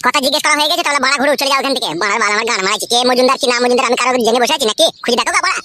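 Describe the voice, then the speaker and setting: A woman voicing a crude, sulky young husband in an adult comedy cartoon, talking back rapidly. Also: high-pitched, pushed and bright. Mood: irritated. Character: foul-mouthed lazy young husband, sulky, defiant.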